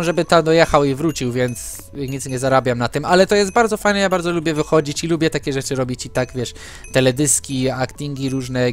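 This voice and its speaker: A young man hosting a gaming channel, rambling through a story in casual chat with lots of fillers while he plays. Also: fairly high pitch.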